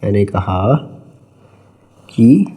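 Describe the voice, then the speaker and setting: A man's voice: on the low side, very animated, drawn-out words, mellow. A male math teacher, explaining a geometry lesson step by step and quizzing his students. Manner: mixes Hindi with English terms.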